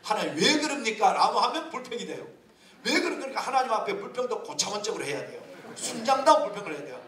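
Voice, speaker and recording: A man preaching a sermon as a pastor, lively and humorous, with many rhetorical questions. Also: high voice, quick pace. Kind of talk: sermon at a leaders' retreat. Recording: echoey hall from far off.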